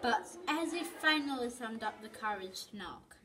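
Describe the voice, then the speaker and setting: A woman reading her own story aloud, slowly and haltingly, with restarts. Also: fairly high pitch, lively intonation, rough recording. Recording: voice from off the mic, people chattering behind.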